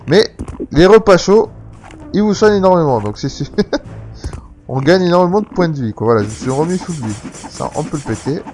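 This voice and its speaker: Man, let's play commentator, chatty and profane, very lively pitch. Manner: chatty, laughing, swears freely. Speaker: gamer.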